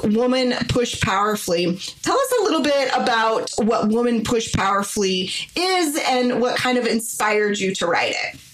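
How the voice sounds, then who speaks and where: A woman's voice: on the high side, a bit bright, a little hiss or hum. A woman hosting a podcast interview, enthusiastic and chatty, often saying "like". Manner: enthusiastic, uses fillers like "like". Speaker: podcast host.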